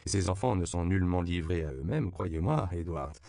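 A man reading the part of a calm, wry Jesuit brother who explains things matter-of-factly. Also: low voice, moderate pace, creaky, smooth. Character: plain-spoken male Mexican Jesuit brother, patient, wry. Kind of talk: audiobook character reading.

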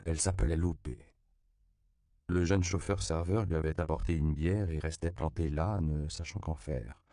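A man reading an audiobook in scripted narration, with an even, measured delivery. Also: rumbling low, clean tone, dry recording, clean studio sound.

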